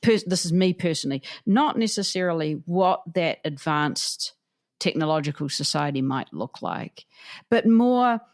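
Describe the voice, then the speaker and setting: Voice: medium pitch, animated, moderate pace. A podcast co-host with a New Zealand accent, asking reflective questions and musing aloud with fillers and restarts. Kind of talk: casual conversational questions.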